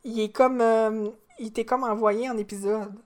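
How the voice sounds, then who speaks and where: A woman from Saguenay with a Québécois accent, co-hosting a live-stream podcast in an animated, chatty way full of fillers. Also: on the high side, normal speed. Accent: Saguenay Québécois French. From Saguenay, Quebec. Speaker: podcast co-host. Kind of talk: casual live-stream chat.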